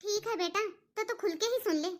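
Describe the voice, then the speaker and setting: A shrill, nagging cartoon mother. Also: brisk, slight background noise. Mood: accusing. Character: angry scolding middle-aged mother, woman. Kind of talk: cartoon voice acting.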